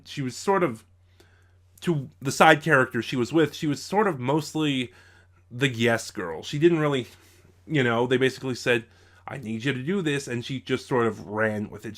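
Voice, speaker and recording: In an unscripted review, a YouTube audio drama reviewer speaks in a medium-pitched, slightly bright voice. He talks haltingly, seeming to form his opinion as he goes, and often stops mid-sentence to rephrase.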